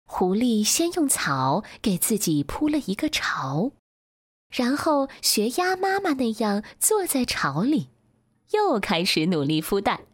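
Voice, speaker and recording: A woman reading a children's bedtime story aloud in a slow, gentle storytelling manner. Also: fairly high pitch, big pitch swings, dry recording, clean studio sound.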